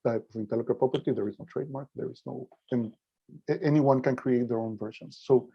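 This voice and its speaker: Male guest lecturer, informal and halting, voice a bit weak with a cold, muffled lo-fi video call sound. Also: mid-range voice, fairly even intonation, vocal fry, slightly rough. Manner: hesitant, halting delivery. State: slightly weak voice from a mild cold. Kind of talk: informal online presentation. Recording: dull, lo-fi video call audio.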